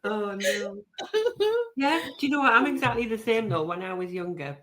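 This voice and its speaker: A woman's voice: on the high side, lively intonation, fast. A middle-aged woman from the North East co-hosting a podcast, chatting and laughing easily over a video call. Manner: giggly, warm banter. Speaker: podcast co-host. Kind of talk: casual chat.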